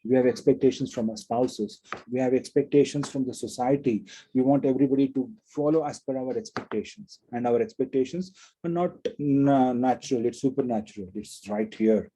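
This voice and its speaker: A man's voice: medium pitch, a little fast, warm tone, a little hiss or hum, rough recording. A man giving an earnest spiritual talk and telling a moral story, repeating words for emphasis. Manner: earnest, repetitive emphasis, frequent restarts. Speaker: spiritual speaker.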